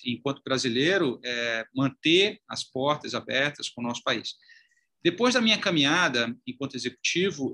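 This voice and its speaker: The voice sits on the high side with a sharp tone, belonging to a man in his forties from Salvador, Bahia, Brazil. He presides over a chamber of commerce and shares his career story in a conversational interview, articulate though filler-heavy.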